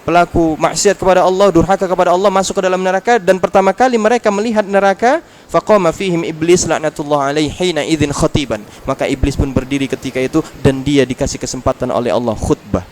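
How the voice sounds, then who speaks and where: A man's voice: fairly high pitch, fairly even intonation, quick pace, slight background noise. A male Islamic preacher giving a study lecture, chatty and joking with the congregation, reciting Arabic passages between his explanations.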